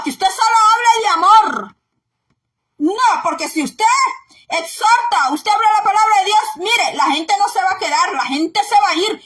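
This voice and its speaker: A woman's voice: very high voice, sharp tone. A woman preaching a sermon with emphatic, scolding exhortation, often raising her voice and repeating phrases for emphasis.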